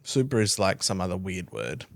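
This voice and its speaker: A woman co-hosting a podcast in casual chat, hoarse and half-sick, rambling with fillers and deadpan jokes. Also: a bass voice, normal speed, dry recording. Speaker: podcast co-host.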